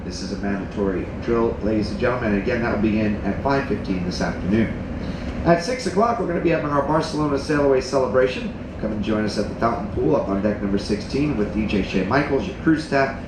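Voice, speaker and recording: A man's voice: lowish voice, expressive, quick pace. A man working as a cruise director, giving a polished, formal welcome announcement with a showman's delivery. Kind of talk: welcome announcement over ship's speakers. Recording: echoey announcement under loud noise.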